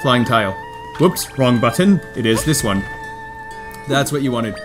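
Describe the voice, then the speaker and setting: A man's voice: medium pitch, expressive, measured pace. A man giving casual video game commentary, chatting and thinking aloud, often repeating phrases to himself. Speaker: video game streamer doing a playthrough. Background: video game music.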